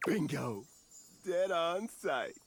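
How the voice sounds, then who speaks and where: An actor playing a sarcastic game character who puts on mock adoration and feigned sweetness that turns snide. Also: male voice, on the high side, sing-song, very slow, creaky, husky, exaggerated voice. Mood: sassy, approving. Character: sassy, sarcastic male rejection coach, mockingly sweet. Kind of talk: video game character acting.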